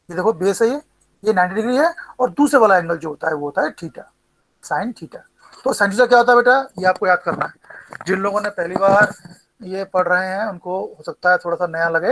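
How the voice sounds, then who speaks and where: A male math teacher running a class, mixing Hindi and English, calling on students by name and slowly repeating each formula for them to memorize. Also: high-pitched, a bit bright, rough recording.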